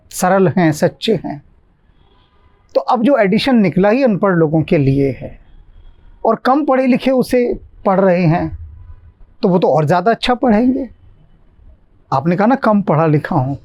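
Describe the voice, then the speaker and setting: A man giving a calm devotional talk as a spiritual teacher, slowing down to stress his points. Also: high voice.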